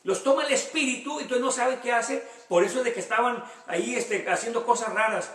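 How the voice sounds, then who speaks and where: A man's voice: very high voice, a little fast, a bit bright. A male pastor leading a Bible study, reading verses aloud and explaining them in a conversational way with rhetorical questions. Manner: reads verses aloud, then explains them with personal anecdotes. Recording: echoey room, voice from far off the mic.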